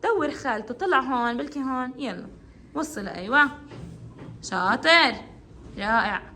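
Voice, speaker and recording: A woman's voice: high voice, expressive, moderate pace, sharp tone, slight background noise. A woman teacher, leading children in a reading game and praising them often. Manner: encouraging, praising, calls on children by name. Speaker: kindergarten teacher. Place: classroom with children.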